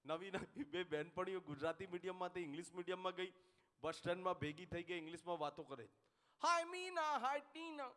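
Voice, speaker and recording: A high-pitched man with a Gujarati accent works the room in a stand-up set. He slips into the voices of his characters as he goes. His voice rings out with the long reverb of a hall. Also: fast. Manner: animated, puts on voices of the people in his jokes, talks straight to the audience. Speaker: stand-up comedian. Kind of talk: Gujarati stand-up comedy on stage.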